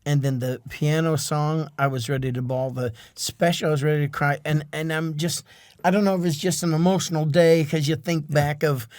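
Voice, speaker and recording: A man's voice: a little high, steady tone, normal speed, darkish tone, no echo, clean studio sound. A man co-hosting a casual podcast, talking in an earnest, reflective way with lots of trailing asides. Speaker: podcast co-host.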